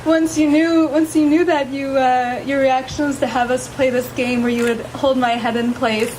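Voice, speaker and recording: A woman saying her wedding vows as a bride, halting, giggly and emotional, at a live ceremony. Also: high voice, fairly even intonation, a little mellow, rough recording. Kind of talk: personal wedding vows spoken to partner. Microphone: handheld or shared event microphone. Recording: live ceremony with audience noise.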